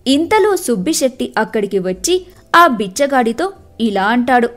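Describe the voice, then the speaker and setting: A woman narrating a scripted moral tale in a steady, measured way. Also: on the high side, soft background music. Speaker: storyteller.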